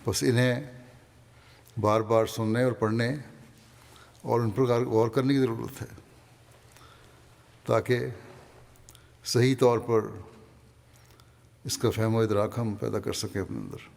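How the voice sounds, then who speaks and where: A man with a Pakistani Urdu accent delivering a Friday sermon, calmly reading and explaining quoted passages. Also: mid-range voice, gravelly, long pauses, long reverb tail. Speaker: religious leader giving a Friday sermon.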